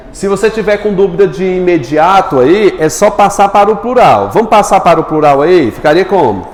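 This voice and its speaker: This man's voice is high with a darkish tone. He's teaching a live grammar class, quizzing students and then answering his own questions, recorded in an echoey room with a long reverb.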